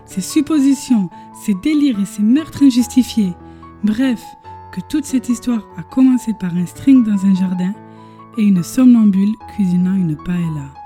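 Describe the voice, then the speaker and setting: Mellow-voiced woman narrator, mock radio style, faint music. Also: mid-range voice, a little slow. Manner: theatrical, addressing listeners.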